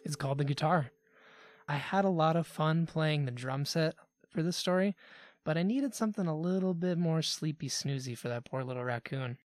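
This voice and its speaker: A man, the musician co-host of a children's show, chatting in a friendly, relaxed way about making beats. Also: a little high, moderate pace. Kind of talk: casual chat.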